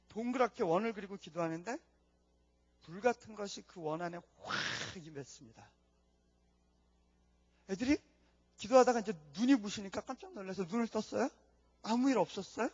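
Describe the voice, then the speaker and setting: Here a missionary preaches his testimony in a church conference hall, telling it earnestly and going quiet for the prayers. His voice sits high and moves a little fast with frequent pauses. The recording sounds dull.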